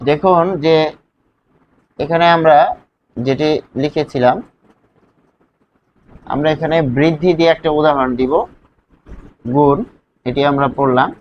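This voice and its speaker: A man's voice: a little high, fairly even intonation, unhurried, long pauses, muffled recording, slight background noise. A man teaching a grammar lesson, explaining step by step and asking his students questions as he goes. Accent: Bangladeshi Bengali.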